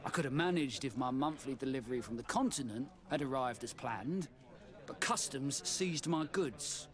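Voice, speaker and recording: A man's voice: medium pitch, expressive, moderate pace, lightly acted. A man playing an aggrieved tavern keeper in a video game, formal and complaining. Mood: exasperated. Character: aggrieved male tavern keeper, exasperated merchant. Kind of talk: video game character acting.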